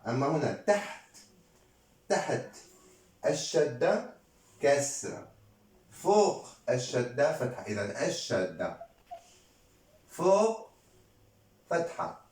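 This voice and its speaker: Patient man teaching, slow and roomy. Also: medium pitch, darkish tone. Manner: repeats words slowly, mixing in French. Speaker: Arabic teacher. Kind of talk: slow, patient classroom lesson. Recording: roomy, from a distance.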